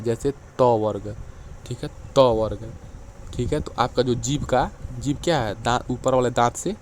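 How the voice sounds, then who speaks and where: A man teaching an exam-prep lecture, moving through questions briskly and stopping to check in with his students. His pitch sits in the middle range for a man. Faint street and traffic noise sits behind him. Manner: brisk, repeats "ठीक है" and "देखिए", recites letter lists.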